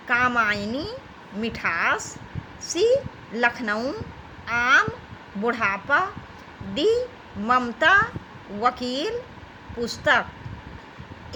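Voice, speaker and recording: A woman's voice: sits high, background noise. A woman teaching an exam-prep grammar lesson, reading out questions and options and addressing her students as children. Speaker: Hindi teacher.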